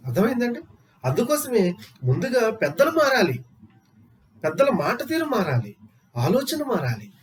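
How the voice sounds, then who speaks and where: A man's voice: high voice, huge pitch swings, normal speed, long pauses, slight background noise. A man preaching a sermon, asking his listeners rhetorical questions and repeating phrases for emphasis.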